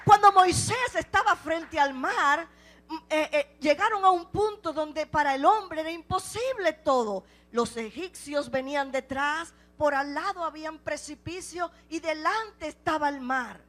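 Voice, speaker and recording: High, bright-voiced woman preaching fervently. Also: a little slow. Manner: impassioned, repeats rhetorical questions; swings between loud exclamations and hushed passages. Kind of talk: sermon.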